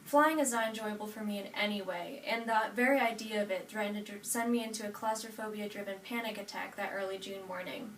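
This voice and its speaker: An eighteen-year-old woman from Nebraska reads a prepared personal narrative from note cards, steady with small self-corrections. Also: mid-range voice, fast, few pauses. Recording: roomy sound from a distant mic.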